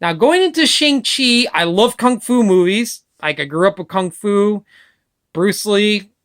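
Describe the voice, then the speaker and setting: Excitable woman gushing about movies. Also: mid-range voice, unhurried. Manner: excitable, gushing, swears casually. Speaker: vlogger. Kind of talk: casual opinion chat.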